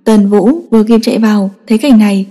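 A woman narrating a dramatic story in a steady, emotive reading. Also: medium pitch, fast. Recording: long echoing reverb.

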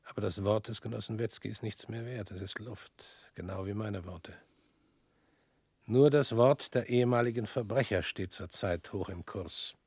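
In a radio play, a male actor with a lowish, darkish, slightly rough voice portrays a weary former party official weighed down by guilt. He speaks in a measured, brooding way and frequently drops to a whisper, recorded with no room sound.

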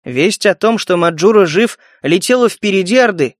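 High-voiced male audiobook narrator. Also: expressive, normal speed, dry recording, clean studio sound. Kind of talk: scripted narration.

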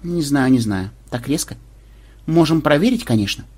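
A man's voice: fairly high pitch, animated, a little mellow. Man putting on a grumbling young space officer woman. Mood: gloomy. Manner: grumbling, quick to alarm. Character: anxious, sharp-tongued young woman, ship's officer.

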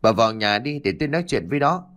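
A man's voice: medium pitch, animated, very fast, a bit bright, highs cut off, natural voice. A man voicing a brusque middle-aged village man who talks down to a child. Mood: dismissive. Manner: brusque, condescending.

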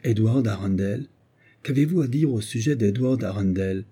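Guy doing a listless woman, drawly and slow, husky. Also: lowish voice, mellow. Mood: dreamy. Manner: dreamy, drawling. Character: listless brooding widow, woman.

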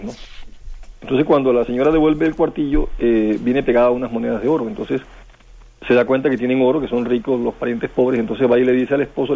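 A man's voice: medium pitch, vocal fry. A man with a Costa Rican accent tells a folk legend on a radio program in a rambling way, full of restarts and questioning tags. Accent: Costa Rican Spanish. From Costa Rica. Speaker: guest storyteller. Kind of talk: relaxed radio storytelling. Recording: tinny phone line.

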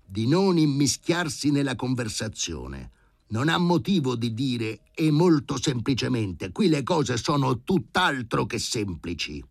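A man's voice: mid-range voice, sing-song, a little slow, creaky, dry recording, studio quality, voice pushed up, exaggerated voice. A man doing an exasperated older professor. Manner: exasperated, growling and shouting. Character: irritable, older male professor. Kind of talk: audiobook reading.

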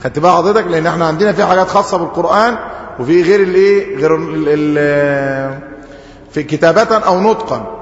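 High, fast-talking Egyptian sheikh teaching. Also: male voice. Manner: explains by asking questions and answering them himself. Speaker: sheikh teaching Arabic grammar. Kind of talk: classroom grammar lesson. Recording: echoey hall, dull lo-fi sound.

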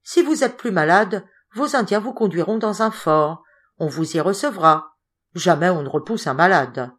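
Woman reading brisk expedition leader, man, firm and reassuring, slightly raised voice, audiobook. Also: high voice, expressive, a bit bright.

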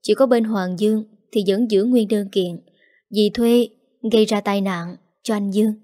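A tender young brother, gentle and soft-spoken, as a woman narrator puts him on. His words come out choked and soothing, in a mellow, warm tone. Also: mid-range voice, fairly even intonation, normal speed, close to an everyday voice. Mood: earnest.

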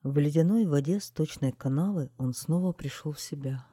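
A woman narrating a children's storybook in a lively, expressive way on a close mic. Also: low voice, moderate pace, slightly rough, dry recording. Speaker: audiobook narrator.

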